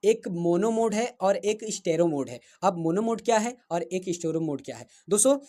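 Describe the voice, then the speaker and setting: A man with a noticeably high voice explains a wireless microphone app setting by setting. He speaks casually into a clip-on mic indoors, pausing to confirm each step with his viewers. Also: animated, warm tone. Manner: explains step by step, often checks with "thik hai". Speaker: tech reviewer. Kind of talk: casual tutorial walkthrough. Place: indoors, in front of a running fan. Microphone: wireless lapel mic.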